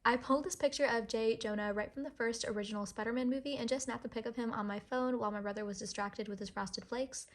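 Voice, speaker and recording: A woman's voice: fairly high pitch, steady tone, fast, hardly any pauses. A young adult woman giving a casual, humorous voice-over as a hobby painter and vlogger, rambling in a wry, tongue-in-cheek, mock-dramatic way.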